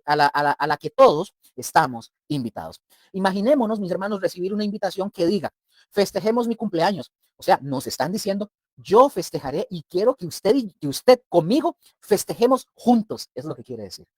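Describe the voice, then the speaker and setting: A man's voice: high voice, a little mellow, no echo. A male preacher teaching scripture in an emphatic, explaining way. He keeps turning to his listeners as brothers and acts out little scenes to make the point. The sound is dry and close, with no room around it. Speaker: preacher teaching a Bible study. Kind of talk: sermon-style Bible teaching.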